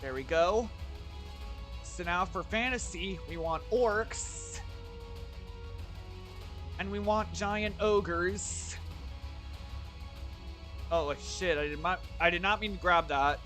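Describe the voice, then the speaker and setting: A man's voice: high voice, slow, pauses often, sharp tone, faint music behind. A man streaming a game, chatting loosely with his viewers and swearing casually as he sets up battles. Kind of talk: casual gameplay commentary.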